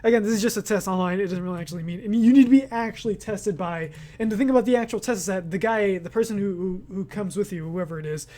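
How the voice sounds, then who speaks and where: A man's voice: high voice, quick pace, few pauses, mellow. A young man chatting casually as he reads a quiz aloud, rambling and often correcting himself, and laughing at his own words. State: hiccuping. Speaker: gaming video creator.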